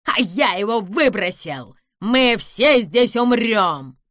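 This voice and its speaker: A woman voicing a spiteful, vengeful little man who gloats and shouts threats. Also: mid-range voice, moderate pace, no room sound, clean studio sound, close to an everyday voice. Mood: gloating.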